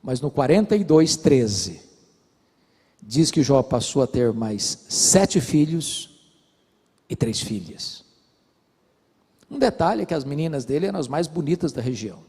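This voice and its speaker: A man delivers a sermon from the pulpit, his voice gravelly and a little husky. He preaches with lively, swinging pitch and acts out conversations as he tells his stories. The hall behind him rings with a long reverb. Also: a little slow, pauses often. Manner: storytelling preacher, acts out dialogue. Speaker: pastor. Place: church.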